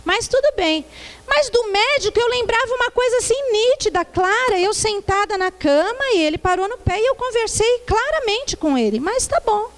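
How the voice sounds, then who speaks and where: A woman pastor preaching a sermon, telling her testimony with lively tag questions and calling the congregation to answer back. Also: very high voice, moderate pace. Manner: calls for congregational response. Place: church.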